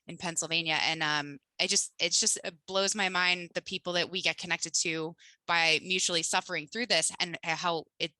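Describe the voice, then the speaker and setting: A woman's voice: on the low side, steady tone, normal speed, bright, forceful tone, no room sound. A woman from the United States hosting a podcast interview, enthusiastic and rambling, with lots of fillers. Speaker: podcast host. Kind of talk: conversational interview.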